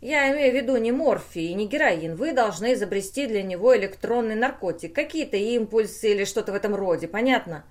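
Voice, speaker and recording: A woman's voice: medium pitch, animated, a little fast, hardly any pauses, lightly acted. A woman voicing a male journalist who argues urgently and persuasively. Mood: urging. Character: nervous, reasoning male journalist.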